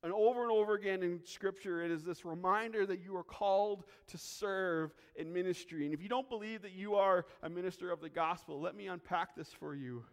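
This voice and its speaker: A pastor preaching in a church sanctuary, his fairly high man's voice carrying with a long reverberant tail. He speaks earnestly and with emphasis, circling back to key phrases to drive them home. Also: fairly quick, hardly any pauses. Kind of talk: sermon.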